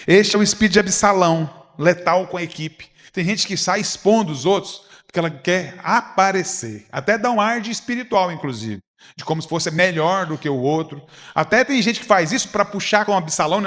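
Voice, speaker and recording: A man preaching with a Goiás Brazilian Portuguese accent, his voice sitting a touch high for a man. He talks to his listeners conversationally, acts out short exchanges and keeps asking them questions. A long reverb trails behind him, as in a large church hall. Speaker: pastor. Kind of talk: sermon at a leaders' retreat.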